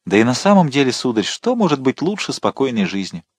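A man's voice: medium pitch, very animated, a little fast, husky, no room sound, studio quality, voice pushed up. A man reading an audiobook, voicing a grumbling former servant turned shopkeeper who slyly protests at hard travel.

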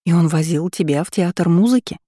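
A woman voicing an excitable, dramatic young princess who exclaims and squeals. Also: on the low side, slightly rough, no room sound, clean studio sound. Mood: excited. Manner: exclaiming, squealing, talking fast.

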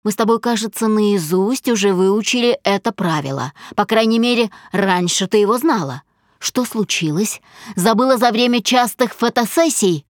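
A woman's voice: mid-range voice, moderate pace, no echo, studio quality, natural voice. A woman voicing a domineering, jealous husband who speaks harshly and in clipped phrases.

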